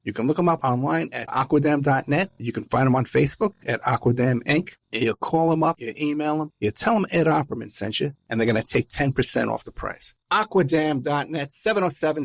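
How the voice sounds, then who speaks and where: A man with a gravelly, somewhat high voice hosts a podcast in the role of a private investigator. He talks loosely and fills his speech with fillers while handling casual hosting and ad reads.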